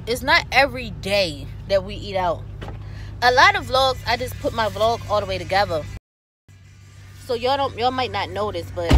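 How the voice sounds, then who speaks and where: Young woman, loose laughing vlog chat over loud background music. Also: fairly high pitch. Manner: loose, laughing, swears freely, talks to camera. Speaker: vlogger. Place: restaurant, then car.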